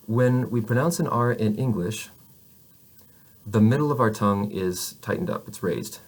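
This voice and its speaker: Guy with a lowish voice walking students through french sounds, patient, repeats stuff a lot. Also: breathy edge. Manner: patient, demonstrates sounds slowly, with many restarts. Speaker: French teacher. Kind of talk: pronunciation lesson to camera. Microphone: camera facing the speaker.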